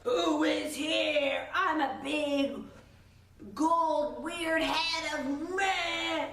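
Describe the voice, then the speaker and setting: A drunk woman voicing a pompous male wizard who speaks slowly and grandly. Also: high-pitched, fairly even intonation, pitched above the performer's own voice, full character voice. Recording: roomy distant mic with faint hiss.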